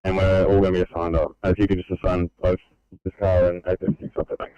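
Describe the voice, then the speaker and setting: Low, flat-toned man on muffled radio. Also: quick pace, clear, resonant tone, no room sound. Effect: two-way radio. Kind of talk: procedural two-way radio talk.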